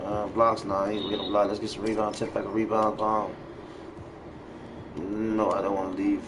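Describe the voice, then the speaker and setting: Streaming a game from home, this male host talks loosely, full of slang and swearing. His voice is on the low side, level in tone and at normal speed. Game sounds and noise fill the background.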